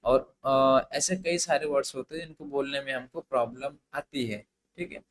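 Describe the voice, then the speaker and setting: A man's voice: mid-range voice, steady tone, moderate pace, low-quality recording. A man teaching an English grammar lesson, mixing Hindi and English in a hesitant style with many fillers and restarts. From India.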